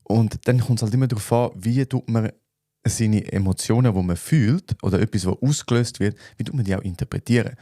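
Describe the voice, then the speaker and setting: A man with a Swiss German accent, co-hosting a podcast, explaining things in a relaxed way with plenty of fillers. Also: lowish voice, fairly quick, dry recording, studio quality. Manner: relaxed, thinks aloud with fillers. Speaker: podcast co-host. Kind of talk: casual chat.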